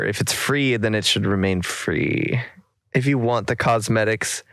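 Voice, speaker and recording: A man co-hosting a casual gaming podcast, excitable and laughing often, now and then jumping up to loud high squeals. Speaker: podcast co-host.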